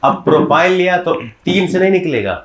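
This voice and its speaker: A male chemistry teacher giving a classroom lecture, explaining step by step and often putting quick questions to his students. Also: sits high, animated, echoey room.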